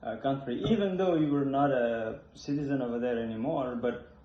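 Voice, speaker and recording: A young adult man from Indonesia hosts a casual conversation in an apartment room, speaking haltingly and repeating words while searching for the right phrasing. The recording is low-fi, echoey, and dull.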